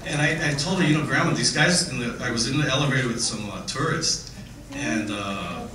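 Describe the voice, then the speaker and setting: A middle-aged man giving an informal, tender family eulogy in a halting, faltering way, telling simple anecdotes. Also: mid-range voice. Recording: echoey room, distant mic, clear background noise.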